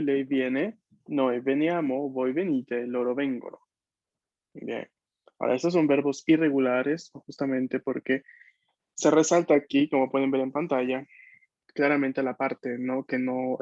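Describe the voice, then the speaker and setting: A man's voice: medium pitch, a little mellow, dry recording. A man teaching a beginners' language class over a video call, patiently checking that students follow. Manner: patient, checks understanding with frequent questions. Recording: dull, dry video-call audio.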